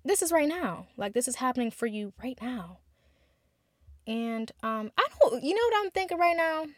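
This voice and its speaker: Speaking straight to her audience, this 21-year-old podcast host delivers a chatty monologue that's candid and heartfelt. Her high-pitched voice swings widely in pitch at a normal speed, captured as a dry, clean studio recording.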